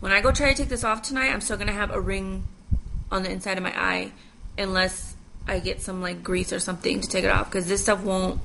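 A woman's voice: mid-range voice, steady tone, fairly quick, creaky, pushed and bright, a little hiss or hum, rough recording. A young woman chatting casually at home through a makeup tutorial, rambling with self-deprecating asides. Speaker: makeup vlogger.

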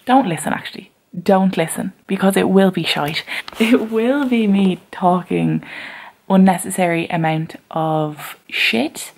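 A woman's voice: fairly low pitch, measured pace, creaky, darkish tone. A woman vlogging at home, talking to her camera in a rambling, self-mocking, playful way. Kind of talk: casual self-filmed vlog chat. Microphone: camera she is talking into.

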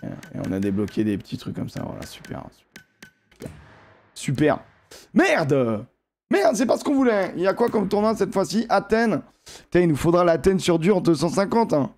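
A man hosting a gaming video, giving live commentary on his play, excitable and swearing often, repeating exclamations and talking straight to his viewers. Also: sits high, normal speed. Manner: addresses viewers directly.

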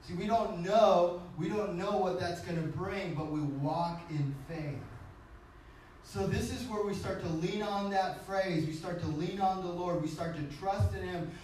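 A man preaching a sermon as pastor, emphatic, swinging between loud high stretches and low intense passages, slipping Japanese phrases into his English. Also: a little slow, a little hiss or hum. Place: church sanctuary. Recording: echoey church hall, mic at a distance.

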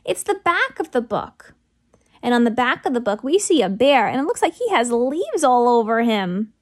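A young woman teacher reads a story aloud and gives a lesson to young children at a moderate pace, her voice a little high. She's expressive and keeps asking the little ones questions.

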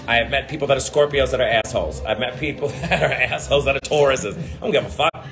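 A fast-talking man with a mid-range voice chats over music with his livestream viewers. He's a brash, profane, sardonic drag performer in his forties, filming on a phone at arm's length. He starts in an indoor hotel hallway and then steps into an elevator.

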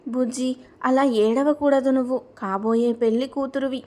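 A grieving old grandmother of a large family, as a woman narrator puts her on, slow and heartfelt, in a fairly high voice. She is the matriarch of a storybook family. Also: steady tone, darkish tone, close to an everyday voice. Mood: teasing.

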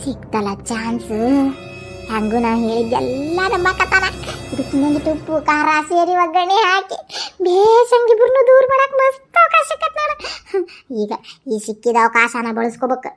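A woman voicing a scheming young sister-in-law in a cartoon, plotting in a low voice with a North Karnataka accent. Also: animated, moderate pace, a bit bright, faint music behind. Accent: North Karnataka Kannada.

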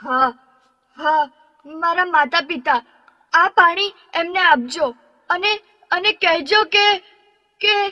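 A woman voicing Shravan, a gentle, dutiful young son in an animated storybook, speaking earnestly and tenderly. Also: high-pitched, unhurried, big-room sound, exaggerated voice, low-quality recording. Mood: dying, pleading.

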